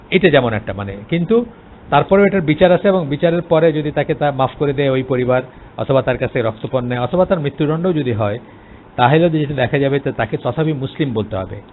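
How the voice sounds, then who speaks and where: Bengali-accented man lecturing over a tinny line. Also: mid-range voice. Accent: Bangladeshi Bengali. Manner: hesitant, many filler sounds, mixes English words. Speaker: Islamic lecturer. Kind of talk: explanatory religious lecture. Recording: tinny phone-like line, faint noise.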